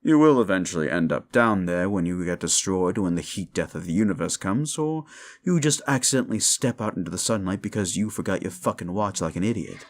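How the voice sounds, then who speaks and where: In a scripted ASMR roleplay addressed to the listener, a man plays a cruel, sneering demon bargaining for wishes, smug, sardonic and condescending. His low voice is gravelly and creaky, with lively intonation and a fairly quick pace.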